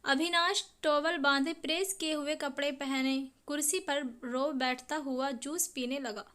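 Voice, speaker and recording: A woman with a high voice reads a dramatic family story aloud, voicing each character's lines plainly and in the same narrating voice as the rest. The telling is steady and scripted. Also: a little slow. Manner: reads every character's lines in her own voice, reading the speaker names aloud.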